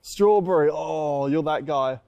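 A man's voice: a little high, a little mellow, clear, resonant tone, dry recording. Playful, teasing young man. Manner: teasing, playful, quick banter. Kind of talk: casual chat.

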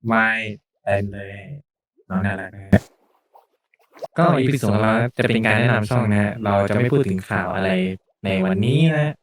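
A man's voice: fairly low pitch, moderate pace. A man hosting a podcast, chatting casually and informally in a joking way. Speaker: podcast host. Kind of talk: casual podcast chat introducing a channel.

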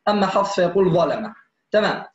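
A man teaching a Quran recitation class online, patiently calling his students dear ones and slowly modelling examples. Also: high-pitched, fairly bright tone, echoey room, muffled recording. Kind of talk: online tajweed lesson.

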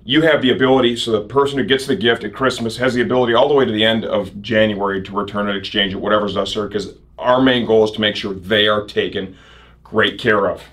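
A man's voice: on the low side, fairly even intonation, fast, fairly bright tone. A man in his thirties presenting a casual sales promo as a shop show host, upbeat and punchy in his phrasing. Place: indoor shop set.

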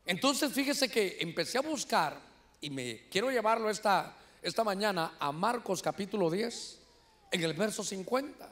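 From the pulpit of a church sanctuary, a Honduran pastor with a strikingly high voice and a Honduran Spanish accent preaches at normal speed. Animated and energetic, he often calls listeners "hermano" and shouts when voicing people's cries.

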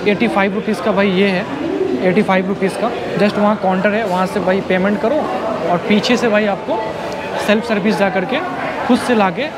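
A man's voice: high-pitched, steady tone, moderate pace, a loud crowd. A young man in his twenties chatting casually to viewers in a travel vlog, recorded on a lapel mic at a busy railway station. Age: 20s. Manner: chatty, keeps calling viewers "bhai". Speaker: travel vlogger. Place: busy railway station platform and food court, indoors and out. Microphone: clip-on lapel mic and handheld camera. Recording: loud station noise behind.

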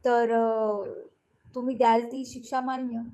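A woman voicing a timid young wife in an audio story reading, soft-spoken and hesitant, with a fairly high voice. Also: level tone, measured pace.

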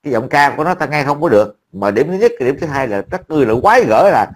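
Man, mid-pitched, crude and mocking commentator. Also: very animated, quick pace. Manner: blunt, profane and mocking, with frequent laughs. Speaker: online commentator. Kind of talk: casual talk to a friend.

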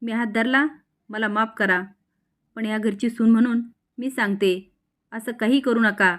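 A woman's voice: a little high, fairly even intonation, unhurried, fairly bright tone. A woman voicing a firm daughter-in-law who sternly pleads with an elder. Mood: stern pleading.

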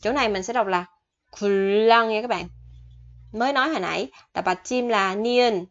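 A woman teaching a vocabulary lesson, repeating each word slowly and then explaining it in a chatty way. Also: medium pitch. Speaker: Korean language teacher. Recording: dull lo-fi recording.

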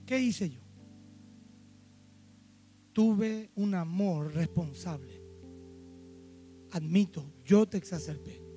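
A middle-aged Paraguayan pastor with a high voice tells stories from his own life in a sermon. He drops to hushed asides and then builds to loud, emphatic preaching. Soft music plays faintly behind him. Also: slow, long pauses. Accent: Paraguayan Spanish. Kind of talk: sermon with acted-out anecdotes.

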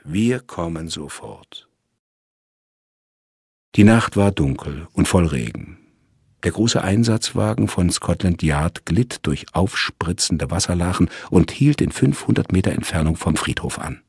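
Deep, creaky male audiobook narrator. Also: animated, a little mellow, no room sound, clean studio sound. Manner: measured storytelling. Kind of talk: scripted crime audiobook narration.

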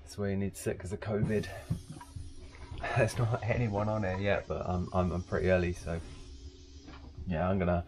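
A man's voice: low voice, little pitch movement, normal speed. A man in his thirties chatting casually to camera while cycle touring, rambling with restarts and small laughs. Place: windy seaside street outdoors. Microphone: action camera close to the face. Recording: loud wind and traffic noise.

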